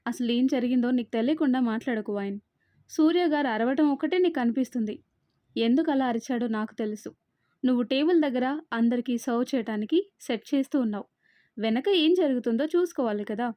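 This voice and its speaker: Storybook figure: a level-headed young woman who firmly sets her friend straight, voiced by a woman reading aloud. The voice is mellow and fairly high, and the sound is dry and close. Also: brisk, dry recording, lightly acted. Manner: firm, explaining.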